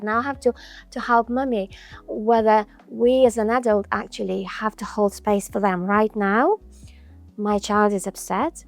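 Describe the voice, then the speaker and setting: A woman talks gently and steadily as a podcast guest, explaining how parents can stay calm. Her voice carries a gravelly creak. Soft music plays faintly behind her. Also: mid-range voice. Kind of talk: podcast interview.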